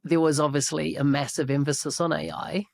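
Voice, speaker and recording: A man's voice: a little high, flat delivery, fairly quick, gravelly, very noisy. A man on a podcast giving matter-of-fact observations in casual chat.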